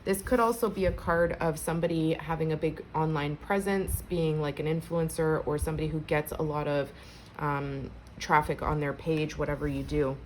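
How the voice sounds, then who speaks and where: A woman with a notably low voice gives a relaxed collective tarot reading. She talks in a chatty, conversational way and speaks straight to her viewers. Faint noise sits behind her voice. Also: normal speed, rough recording. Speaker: tarot reader.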